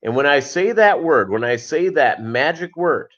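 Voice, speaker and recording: A man hosting a fishkeeping channel's casual livestream rambles on while reading aloud and answering viewer comments. His voice is on the high side, expressive and fairly bright at a moderate pace, though the audio is dull.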